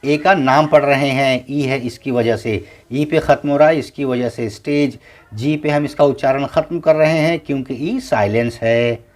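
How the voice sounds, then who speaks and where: A man teaching English phonics in a slow classroom lesson, spelling each word out letter by letter and repeating it. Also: mid-range voice, darkish tone. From India.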